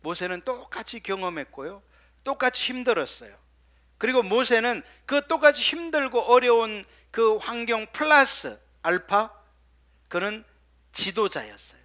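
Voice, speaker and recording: A male pastor preaching a sermon, firing rhetorical questions at the congregation and dropping into soft, quiet asides. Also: extremely high pitch, very animated, normal speed.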